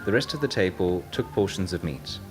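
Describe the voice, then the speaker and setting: A man narrating an audiobook story in a steady, measured way. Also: sits low. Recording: narration over loud music.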